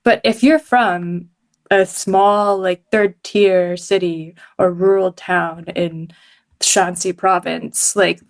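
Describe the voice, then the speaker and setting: A woman's voice: fairly low pitch, vocal fry. A woman from Hong Kong, a journalist guesting on a podcast, talking casually with lots of fillers and frequent laughs. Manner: chatty, many fillers, laughs often.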